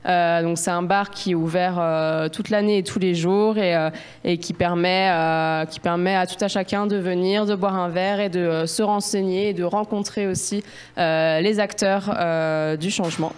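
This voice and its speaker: Woman welcoming folks at a bar venue, smooth clear voice, tons of pauses. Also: lowish voice, steady tone. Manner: halting, filler-heavy. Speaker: venue host. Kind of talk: welcome speech. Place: bar hosting a public debate.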